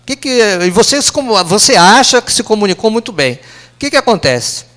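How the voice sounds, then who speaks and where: High and sing-song with a fairly bright tone, this Brazilian speaker's voice carries a Brazilian Portuguese accent. Addressing a live audience at a company lunch talk in an office meeting room, he's conversational, full of "né?" tag questions and quick jokes on the side.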